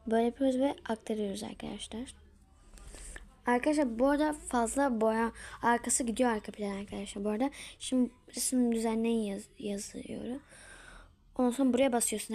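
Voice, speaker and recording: A chatty woman with a fairly high voice walks her viewers through a casual tutorial from home, speaking to them as friends. She often sinks into a near-whisper while she works, then comes back to full voice. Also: mellow. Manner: drops to a whisper while working. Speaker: tutorial maker.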